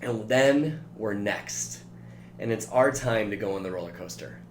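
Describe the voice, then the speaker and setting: A man's voice: on the low side, expressive, unhurried. A man giving a motivational training talk as a coach, earnest and speaking straight to the listener. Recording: roomy with faint hum.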